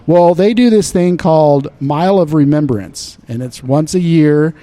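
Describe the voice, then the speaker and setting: A middle-aged man, a studio guest, chatting casually and rambling through a story, his voice trailing off softly. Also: fairly high pitch, measured pace. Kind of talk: casual chat. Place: indoor shop space.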